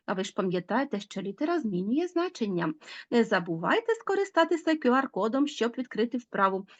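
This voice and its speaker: A woman teacher giving a recorded school lesson, clearly and deliberately dictating example words to pupils. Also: fairly high pitch, highs cut off.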